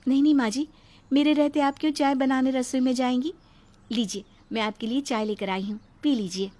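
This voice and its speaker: A woman's voice: high voice, steady tone, a little fast, voice pushed up, lightly acted. Woman voicing a meek, pleading young wife. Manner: soft, pleading. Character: meek tearful young wife, eager to please. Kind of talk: cartoon storybook voice acting.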